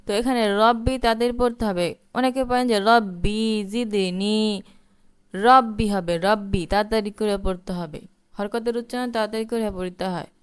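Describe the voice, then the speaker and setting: A woman's voice: fairly high pitch, a little fast, smooth. A woman teaching Quran reading, spelling Arabic words letter by letter and reciting them with long drawn vowels.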